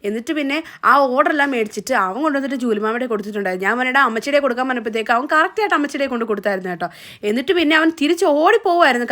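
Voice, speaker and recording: A woman's voice: sits high, a bit bright. A young woman, narrating a family vlog in a chatty, casual way. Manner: chatty, often adds a tag question. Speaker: vlogger.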